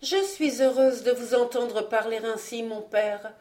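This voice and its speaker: A woman's voice: on the high side, steady tone, measured pace, a little mellow, close to an everyday voice. A woman voicing a proud young noblewoman who speaks earnestly with restrained feeling.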